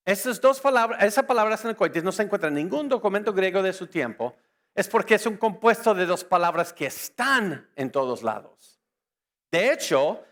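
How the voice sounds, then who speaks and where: A man whose first language is English, giving an apologetics lecture to a church audience, lively and joking, firing rhetorical questions at the crowd. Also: high-pitched. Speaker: conference speaker.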